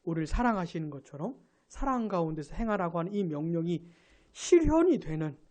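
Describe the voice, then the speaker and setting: A male pastor giving a live Sunday sermon, asking his congregation questions and building to loud emphatic peaks. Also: sits high, very animated, fairly quick. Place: church sanctuary.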